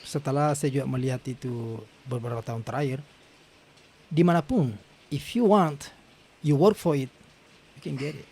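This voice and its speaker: A man's voice: medium pitch, brisk, a little mellow, slightly rough. A man from Indonesia, hosting a casual podcast interview, prompting his guest with short affirmations and leading questions. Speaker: podcast host.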